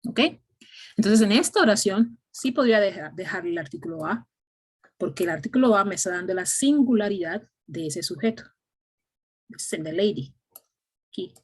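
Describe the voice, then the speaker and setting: A woman's voice: mid-range voice, lively intonation, normal speed, pauses often, husky. A woman teaching an English grammar class, explaining patiently step by step and often checking in with "ok?".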